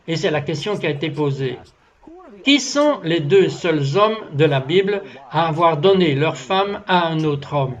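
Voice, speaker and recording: High-voiced man dubbing a testimony. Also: lo-fi sound. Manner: earnest storytelling, acts out the dialogue of his story. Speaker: interview guest telling a testimony. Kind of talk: French voice-over dub of a testimony.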